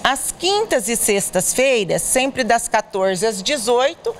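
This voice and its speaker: A middle-aged woman speaks into a reporter's handheld microphone at an indoor charity bazaar. Her voice sits a little high, and she explains things earnestly, pausing on fillers as she gathers her thoughts. A faint noise hums in the background. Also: big pitch swings. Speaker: charity volunteer interviewee. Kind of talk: on-camera interview. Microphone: handheld reporter mic.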